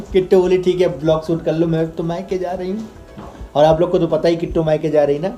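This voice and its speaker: A man's voice: fairly high pitch, steady tone, normal speed, music in the background. A man hosting a casual home vlog, teasing and coaxing his wife in an affectionate way. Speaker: vlogger.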